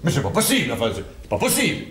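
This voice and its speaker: A man's voice: fairly high pitch, huge pitch swings, quick pace, fairly bright tone. A man playing a jilted former partner in an amateur audio drama, rambling and stammering with nervous laughs. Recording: roomy amateur recording with noise.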